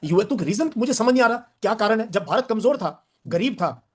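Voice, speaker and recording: A man's voice: high-pitched, animated, fairly quick. An older man, a retired veteran, giving emphatic, lecturing interview answers and repeating phrases for stress. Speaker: retired veteran diplomat guest.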